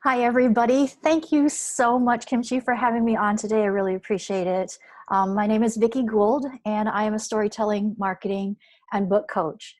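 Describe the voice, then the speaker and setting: A woman from Canada, a storytelling and book coach, introducing herself politely and clearly. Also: medium pitch, little pitch movement, a little fast, darkish tone. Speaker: guest, marketing and book coach.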